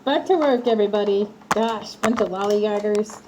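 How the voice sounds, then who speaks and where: A woman's voice: mid-range voice, moderate pace, background noise. A woman chatting casually and playfully on a livestream while she works, her voice slightly muffled through a respirator mask. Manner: playful, giggly, teasing. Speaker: livestream host, craft maker.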